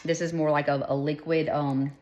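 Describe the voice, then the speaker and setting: A woman's voice: low voice, level tone, moderate pace, a little mellow. A middle-aged woman, chatting casually and rambling with many fillers as a cooking vlogger.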